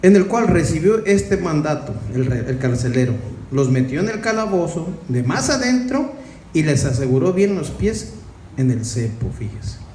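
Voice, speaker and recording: A man's voice: fairly high pitch, very animated, moderate pace, mellow, far from the mic. A man preaching an informal Bible-study sermon, chatting with the listeners and often asking them questions. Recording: roomy echo with faint background noise.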